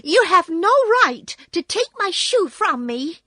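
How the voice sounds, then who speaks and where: A woman voicing a proud, indignant small girl in a high voice. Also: big pitch swings, slow, pushed and bright, no echo, studio quality, full character voice.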